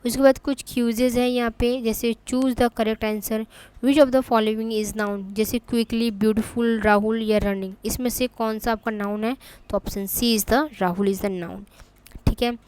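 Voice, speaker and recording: A woman teaching an exam-prep grammar lesson, often pausing on "ठीक है" and spelling examples out slowly. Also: fairly high pitch, level tone, a little mellow, smooth.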